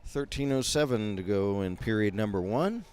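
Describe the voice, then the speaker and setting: A man's voice: lowish voice, animated, normal speed, darkish tone, smooth. Folksy hockey play-by-play man. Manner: folksy, rambling asides with many fillers. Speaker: play-by-play announcer. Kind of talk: amateur hockey play-by-play commentary. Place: behind glass in a rink mezzanine.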